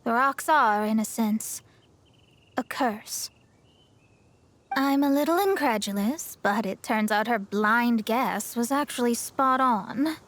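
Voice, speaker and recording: A woman's voice: on the high side, slow, fairly bright tone. A woman playing a proud, analytical young astrologist in an anime game dub, explaining things in a matter-of-fact, scholarly way. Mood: resolute.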